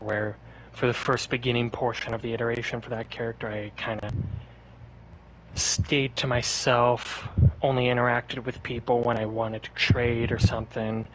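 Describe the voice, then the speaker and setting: A man's voice: medium pitch, a bit bright, a little hiss or hum, low-quality recording. A man guest on a podcast, telling stories in a rambling, laid-back casual way. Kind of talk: casual chat.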